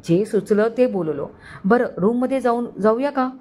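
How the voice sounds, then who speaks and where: A woman voicing a quick-witted young man who reassures and speaks politely in a read-aloud story. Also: on the high side, warm tone, natural voice. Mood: reassuring.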